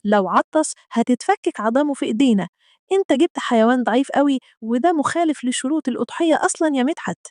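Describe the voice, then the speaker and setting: A woman's voice: high voice, expressive, fast talker, darkish tone, no echo, clean studio sound. A woman voicing a middle-aged Egyptian mother who scolds her husband and patiently explains things to her children, with an Egyptian accent. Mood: exasperated. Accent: Egyptian Arabic.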